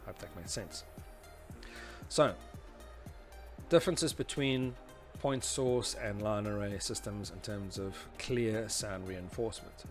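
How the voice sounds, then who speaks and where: A man with a fairly deep voice, presenting a tutorial series, talks through an instructional presentation in an informal, slightly halting lecture style. He explains things while often saying "you know," with faint music behind him.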